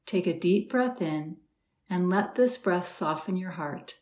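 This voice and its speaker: A woman guiding a slow, soothing meditation with gentle instructions and long pauses. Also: fairly low pitch, lively intonation. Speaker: meditation guide. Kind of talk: guided meditation.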